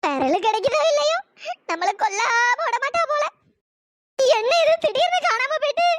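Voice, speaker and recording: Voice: very high-pitched, expressive, moderate pace, heavy background noise. A performer voicing a frightened older sister in a cartoon story, whining and panicking. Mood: panicky.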